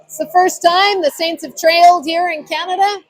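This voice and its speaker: A woman's voice: very high voice, fairly even intonation, moderate pace, dry recording, poor audio. A woman doing live hockey play-by-play commentary in short, clipped phrases.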